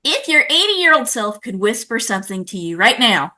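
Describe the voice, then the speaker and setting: Bright, animated woman co-host. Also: on the high side, normal speed. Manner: effusive and enthusiastic. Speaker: podcast co-host. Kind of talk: casual chat.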